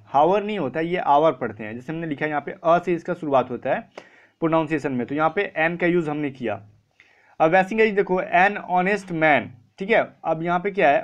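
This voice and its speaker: High-voiced Hindi grammar teacher, dull recording. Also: male voice. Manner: asks students questions and answers them himself, often says "ठीक है". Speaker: English teacher for exam prep. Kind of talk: classroom lecture.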